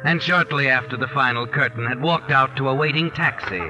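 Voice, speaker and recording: A man playing a mysterious, all-knowing narrator of dark crime tales in theatrical American 1940s radio style. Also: mid-range voice, highs cut off, lightly acted. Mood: measured, knowing. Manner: ominous, theatrical, deliberate. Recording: vintage 1940s radio with music. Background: dramatic music.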